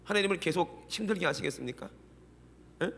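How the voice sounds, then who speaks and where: A middle-aged man preaching a sermon as pastor, animated and constantly firing questions at the congregation. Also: sits high, a little fast, creaky, slightly rough. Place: church sanctuary. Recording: long church hall reverb.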